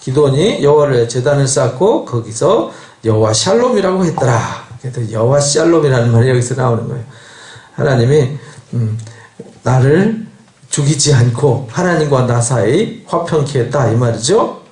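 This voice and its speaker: A man's voice: medium pitch, expressive, moderate pace, darkish tone, reverberant. A man pastor giving a Bible lecture sermon, acting out quoted dialogue and asking rhetorical questions. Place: church sanctuary.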